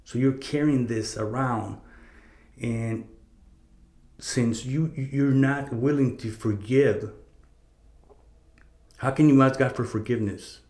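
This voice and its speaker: A man's voice: medium pitch, takes it slowly, pauses often, a little mellow. Middle-aged man, casual podcast storytelling, swears freely, lots of fillers, echoey room. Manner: conversational, profane, many fillers and restarts. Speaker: podcast host. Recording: roomy echo.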